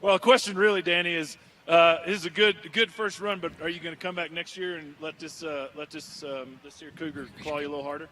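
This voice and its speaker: Hyped, high-voiced trackside reporter man. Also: steady tone, fairly quick, few pauses, pushed and bright, low-quality recording. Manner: boisterous, joking, hyped. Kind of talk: live race reporting. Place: outdoors at a mountain race finish line.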